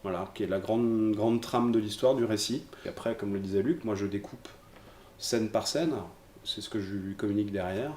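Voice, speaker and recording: A man's voice: fairly low pitch, moderate pace, darkish tone. A man, a comic book writer, answering interview questions thoughtfully and searching for his words. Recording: roomy echo, faint noise.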